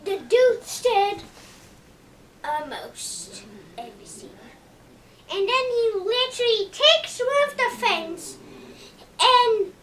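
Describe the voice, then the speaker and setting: A young woman chatting casually in a movie review, excitable and emphatic, leaning hard on "literally". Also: very high voice, slow, recorded from a distance.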